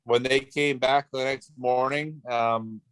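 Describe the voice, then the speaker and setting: A man's voice: medium pitch, fairly even intonation, a bit bright, smooth. A man who investigates the paranormal, talking as an interview guest in an easygoing way. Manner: easygoing, laughs often, quick agreeing replies. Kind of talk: casual interview chat.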